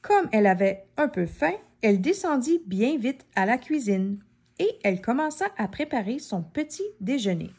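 A woman reads a children's story aloud with a lively, swooping voice that sits a little high. She turns to the child listening and asks questions. Her telling is bright and expressive. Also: normal speed, breathy edge.

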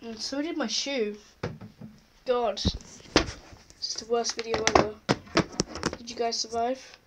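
A woman's voice: fairly high pitch, fairly even intonation, a little slow, far from the mic, heavy background noise. A woman vlogging casually at home, reading quiz questions aloud and answering them offhand. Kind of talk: casual chat while taking an online quiz.

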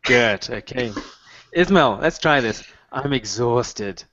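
Animated and fairly bright in a mid-range voice, a man in his thirties leads an online English mini-lesson over a headset on a video call. He is clear, patient, and encouraging, slowly modeling phrases from a small room at home. The recording has the dull, dry quality of call audio.

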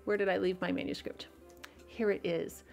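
A woman's voice: on the low side, steady tone, normal speed, gravelly, a little mellow, faint music behind. A woman author hosting her weekly livestream, talking casually and rambling to viewers with many fillers, restarts and frequent laughter. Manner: laughs often between thoughts.

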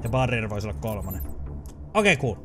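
A young man with a Finnish accent giving excitable, chatty let's play commentary, swearing and laughing often as he plays. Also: fairly low pitch, over music. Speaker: gaming channel host.

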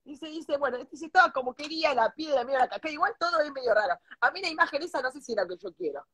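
A woman's voice: sits high, lively intonation, fast, a bit bright. A woman with an Argentine Spanish accent co-hosting a casual live stream, reading out listener stories with crude, mocking asides.

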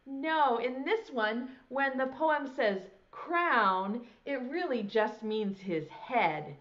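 Slow, singsong woman teaching small children. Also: sits high, expressive, fairly bright tone, dull audio. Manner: broad, singsong, theatrical delivery for small children. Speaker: preschool teacher hosting a children's circle time. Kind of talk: children's lesson with nursery rhymes. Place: small indoor classroom set. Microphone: lapel mic.

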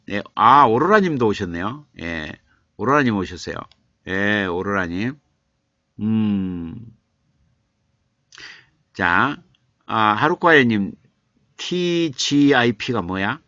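Bright-voiced older man chatting on stream. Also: on the low side, no room sound. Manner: chatty, reads viewer comments aloud and teases them playfully; explains patiently, repeating himself. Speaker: literature professor and live-stream host. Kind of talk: casual live-stream chat. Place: home streaming room. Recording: dull lo-fi live-stream audio.

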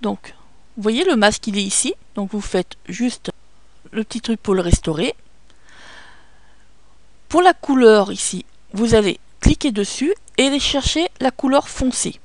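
A woman with a French accent guiding viewers step by step through photo editing software, patient and hesitant, with many fillers. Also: on the high side, animated, measured pace, dry recording. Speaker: software tutorial presenter. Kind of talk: screen-recorded photo editing tutorial.

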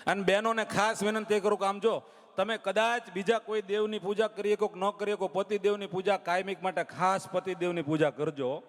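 A man's voice: sits high, fairly even intonation, a little fast. A man telling jokes on stage as a comedian, spinning stories and urging the audience to clap. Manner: storytelling, urges audience to applaud. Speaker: stand-up comedian. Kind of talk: live stage joke-telling. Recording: long hall reverb.

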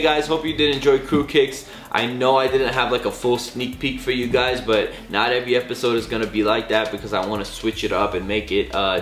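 A young man with a Californian accent who is losing his voice, talking casually and enthusiastically through a sneaker vlog with plenty of slang and fillers. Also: mid-range voice. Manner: relaxed, enthusiastic, slangy talk with many fillers. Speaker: sneaker vlogger. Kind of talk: casual vlog show-and-tell. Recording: echoey room with faint music.

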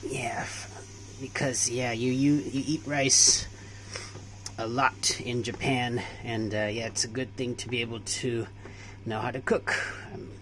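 A young man chatting casually through a cooking demonstration in a small home kitchen, relaxed and full of fillers. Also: medium pitch, unhurried, slight background noise. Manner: relaxed, hesitant, many fillers. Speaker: cooking vlogger.

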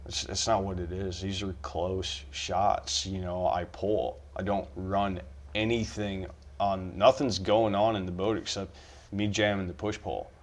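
Low-voiced rambling fishing guide, a man. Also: little pitch movement, unhurried. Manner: rambling, many restarts and "you know". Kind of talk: casual podcast conversation.

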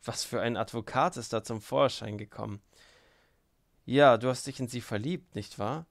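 A spiteful young man with a sneer in every word, read by a male narrator with a gravelly voice. a measured audiobook delivery. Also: on the low side, steady tone, no room sound, clean studio sound.

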